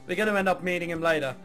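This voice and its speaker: With a high, slightly bright voice, a gamer plays through a visual novel, reading it aloud and commenting as he goes. His asides are sarcastic and full of mock exasperation.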